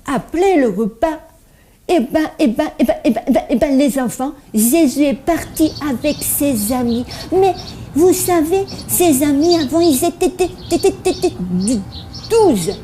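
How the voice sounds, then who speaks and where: A woman's voice: high voice, measured pace, warm tone, a little hiss or hum. A woman voicing a cheerful, eager little child puppet who stutters heavily while telling a Bible story to children. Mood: storytelling. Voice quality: heavy stutter, repeats words many times.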